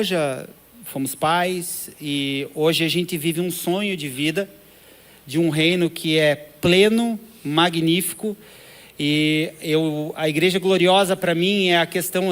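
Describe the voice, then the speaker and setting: A man's voice: fairly high pitch, a bit bright. A middle-aged man telling his personal conversion story in a casual interview, earnestly acting out the dialogue he quotes. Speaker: church member giving testimony.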